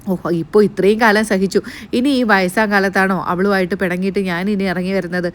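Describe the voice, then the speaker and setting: A woman voicing a weary older man calmly placating his mother. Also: medium pitch, a little fast, close to an everyday voice.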